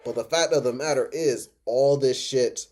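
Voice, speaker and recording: A man's voice: medium pitch, normal speed, a little mellow. A man who is drunk, ranting off the cuff in an emphatic, repetitive, rambling way. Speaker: reaction video host. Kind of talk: impassioned off-the-cuff rant.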